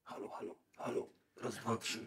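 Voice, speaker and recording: A man speaking through a voice modulator that makes his voice disguised and deep, voicing a gruff masked male superhero. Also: moderate pace, a bit bright. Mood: matter-of-fact. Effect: voice modulator deepening the voice. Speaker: costumed charity volunteer.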